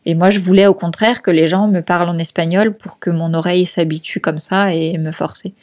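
Woman interviewee, casual, chatty, halting with fillers, laughs often. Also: lowish voice, steady tone, a little mellow, slight background noise. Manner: chatty, many fillers and restarts, laughs easily. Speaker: guest.

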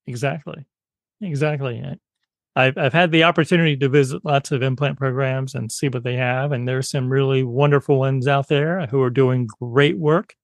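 A man's voice: mid-range voice, fairly even intonation, normal speed, dry recording, clean studio sound. A man hosting an interview, affable and agreeable, often restarting his sentences. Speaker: interviewer, host. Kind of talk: conversational interview.

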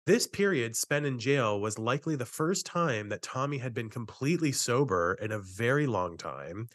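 A man's voice: mid-range voice, expressive, moderate pace, fairly bright tone, dry recording, clean studio sound. A man co-hosting a true-crime podcast, discussing and narrating cases in a conversational way.

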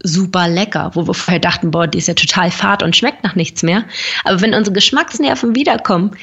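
A woman's voice: on the low side, brisk, creaky, a bit bright, slightly rough, highs cut off. A woman speaking as a podcast guest, explaining things informally and addressing the listeners directly. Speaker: podcast guest giving nutrition advice. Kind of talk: casual explanatory talk.

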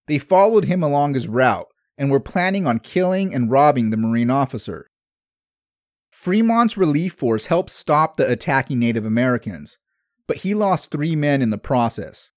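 A man hosting a history podcast, telling the story in measured, scripted narration. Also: a little high, darkish tone, no echo, clean studio sound.

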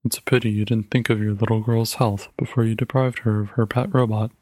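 A man's voice: lowish voice, level tone, a little fast, a little mellow, dry recording, close to an everyday voice. A man doing a glum, grumbling husband. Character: weary skeptical husband, middle-aged man.

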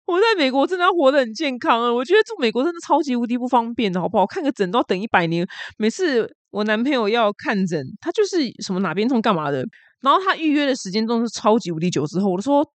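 A woman's voice: fairly high pitch, expressive, fast, no echo. Chatty Taiwanese woman hosting news talk. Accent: Taiwanese Mandarin. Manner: chatty, exclamatory, sprinkles English words. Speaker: podcast host. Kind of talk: casual news commentary.

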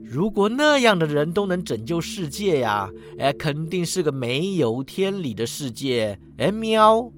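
A man's voice: a little high, big pitch swings, unhurried, few pauses, faint music behind. A man voicing a lazy, glib male orange cat who sighs and tacks a meow onto his lines, in a storybook reading. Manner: drawling, sighs 'ai' and tacks 'meow' on lines. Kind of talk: storybook character voice.

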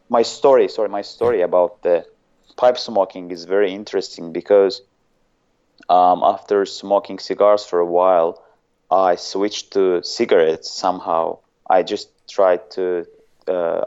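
This low, darkish, smooth male voice belongs to an Azerbaijani man with an Azerbaijani accent, appearing as a guest on an interview show. The recording sounds muffled, and in this casual chat he speaks hesitantly, often searching for words.

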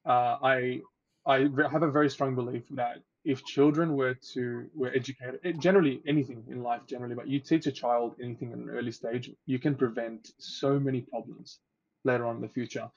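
A young man from Egypt talks in a relaxed, chatty way about his work as a guest on a podcast. His voice stays fairly flat in pitch. The sound is dull and lo-fi. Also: brisk. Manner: relaxed, chatty, laughs easily, restarts. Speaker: oral health therapist, guest. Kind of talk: casual interview. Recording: dull lo-fi audio.

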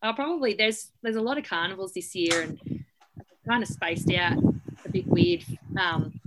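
A woman in her thirties with an Australian accent, chatting as a guest about breeding horses and coaching, relaxed and full of fillers. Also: medium pitch, normal speed. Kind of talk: casual chat. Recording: noisy background.

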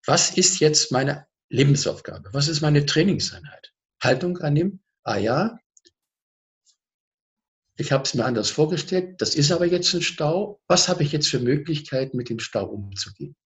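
Guy explaining personal growth stuff on a tv interview, lively, full of examples. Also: a little high, normal speed. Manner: speaks to the interviewer formally. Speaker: guest speaker on personal growth.

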